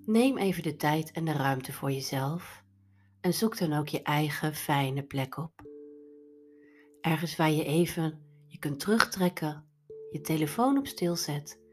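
A woman leading a guided meditation in a soft, breathy, soothing delivery over instrumental music. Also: deep voice, a little slow.

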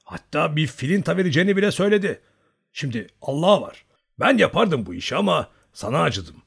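A man voicing a boisterous old male hunter who teases loudly and boasts with hearty bluster. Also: on the high side, sing-song, brisk, vocal fry, husky, pitched above the performer's own voice, heavily acted. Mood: teasing. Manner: hearty, bantering, loud.

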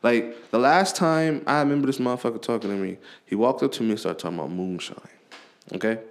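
A man's voice: mid-range voice, quick pace. A man hosting a podcast, talking in a blunt, profane, casual rant. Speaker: podcast host. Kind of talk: casual ranting monologue.

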